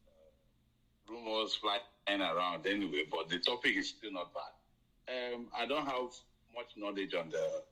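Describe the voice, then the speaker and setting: A man calling into a live audio show over a conference call line that cuts in and out, talking in halting bursts with emphatic questions. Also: deep voice, sharp tone, breathy edge, low-quality recording. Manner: halting, restarts often, rising emphatic questions. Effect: heard over a conference call line, audio cutting in and out. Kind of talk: casual call-in opinion.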